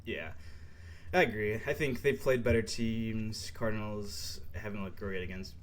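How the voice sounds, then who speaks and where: A man's voice: fairly low pitch, fairly even intonation, unhurried. A young man co-hosting a sports podcast, chatting casually and rambling with lots of fillers and laughs. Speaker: podcast co-host.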